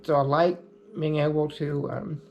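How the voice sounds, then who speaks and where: A man speaking in a casual, explanatory vlog style, unhurried and easygoing. His voice sits slightly high and carries a gravelly edge. Faint room noise sits behind him. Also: level tone, darkish tone. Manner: easygoing, plainspoken, lightly humorous. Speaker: vlogger.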